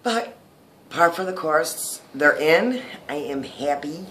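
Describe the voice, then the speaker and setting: A man's voice: fairly high pitch, lively intonation, slow pace, bright, forceful tone. Man talking through new dentures. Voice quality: slightly slurred, lispy speech from new dentures. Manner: chatty and rambling, many ums. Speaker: vlogger. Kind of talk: casual video diary.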